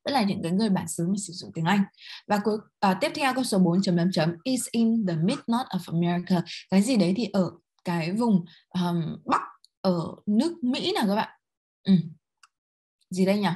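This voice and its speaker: A woman's voice: mid-range voice, animated, darkish tone. Vietnamese-accented woman teaching English. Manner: reads English slowly, explains quickly in Vietnamese; asks the class questions. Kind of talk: explaining a textbook lesson.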